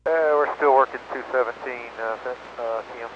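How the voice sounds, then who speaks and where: A man's voice: mid-range voice, fairly even intonation, normal speed. A man giving procedural test updates as a pilot over a crackly two-way radio, in clipped, hesitant phrases. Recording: dull lo-fi radio with noise.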